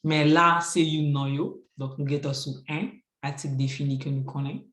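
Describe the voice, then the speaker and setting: A teacher works through a grammar lesson at a patient, even pace. Each rule gets an example, and "ok, donc" keeps coming back between points. The voice carries a roomy classroom echo at a middle pitch. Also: moderate pace. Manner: patient, spells out rules with examples, frequent "ok, donc" fillers. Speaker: Haitian Creole teacher.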